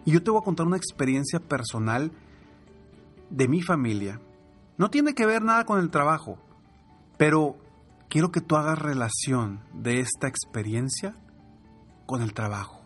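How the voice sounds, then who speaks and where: Animated Mexican man telling a story. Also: a little high, moderate pace, pauses often, husky, faint music behind. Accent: Mexican Spanish. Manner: animated, acts out voices in his story. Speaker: leadership speaker. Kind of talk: motivational storytelling talk.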